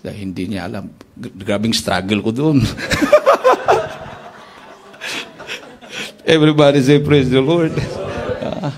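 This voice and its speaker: A man preaching at a church worship service, telling stories in an animated way and acting out the dialogue. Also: mid-range voice, normal speed. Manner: animated storyteller who acts out dialogue. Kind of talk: storytelling sermon.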